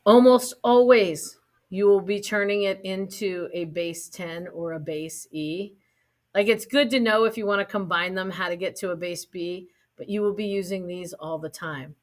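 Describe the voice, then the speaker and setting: A woman's voice: fairly low pitch, fairly even intonation, normal speed. A woman teaching a math class in a casual lecture, often checking in with her students and adding light jokes. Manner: casual, keeps checking in with "right?"; light joking asides to students.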